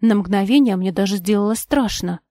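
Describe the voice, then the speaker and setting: A woman reading a first-person story aloud in even, measured narration. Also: medium pitch, no room sound, studio quality. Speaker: audiobook narrator.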